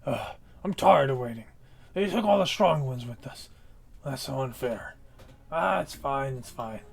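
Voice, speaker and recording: A man voicing a grumbling, sly orc raider with a gravelly, slangy mutter in a tabletop game. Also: mid-range voice, lively intonation, a little slow.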